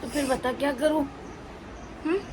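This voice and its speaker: A young woman chatting casually in a family vlog, gently coaxing and asking the same things again and again. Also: sits high, fairly even intonation, normal speed, background noise. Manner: coaxing, tender, repeats questions. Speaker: vlogger.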